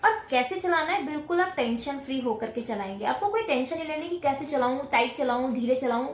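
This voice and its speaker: A woman's voice: sits high, lively intonation, fairly quick, echoey room, a little hiss or hum. A woman teaching dholak to beginners, explaining patiently step by step and counting the beats aloud as she plays. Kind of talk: casual music lesson. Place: indoor room with dholak drum playing.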